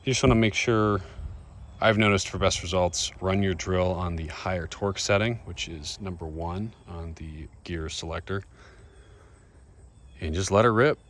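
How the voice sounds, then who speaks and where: This American vlogger shows off DIY van upgrades in a relaxed, plain-spoken walkthrough to camera. His voice sits low with a fairly bright tone at a moderate pace. Vehicle ambience runs through the noisy handheld recording.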